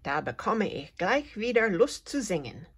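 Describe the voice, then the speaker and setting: A woman voicing a small, cheerful male cricket who is cold and hungry, with a thin, high, chirpy voice, in a storybook reading. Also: big pitch swings, measured pace, husky. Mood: eager.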